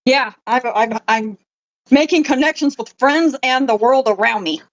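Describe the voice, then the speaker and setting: A woman playing an earnest, gentle nature-loving young adventurer in a tabletop game, hesitant and sincere, on a slightly dull microphone. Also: high voice, a little slow. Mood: earnest, hopeful.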